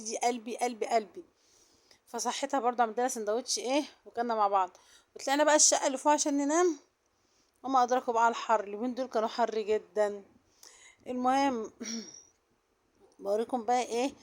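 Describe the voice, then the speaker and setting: Fast-talking Egyptian woman vlogger. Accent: Egyptian Arabic. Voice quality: soft, low-volume voice. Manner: chatty, addresses viewers directly. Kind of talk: casual vlog narration.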